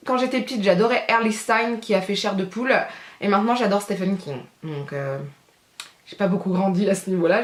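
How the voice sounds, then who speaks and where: A woman in her thirties, a beauty vlogger, chatting casually to camera in a slangy way with lots of hesitant fillers. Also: medium pitch. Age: 30s. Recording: echoey room.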